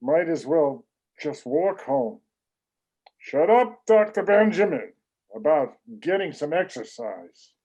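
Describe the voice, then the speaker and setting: A man's voice: a little high, sing-song, slow, a little mellow, exaggerated voice. A man playing a grumpy old watch repairman. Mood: exasperated. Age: older. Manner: grumbling, sarcastic, exasperated. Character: grumpy aging male watch repairman, weary. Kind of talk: script reading.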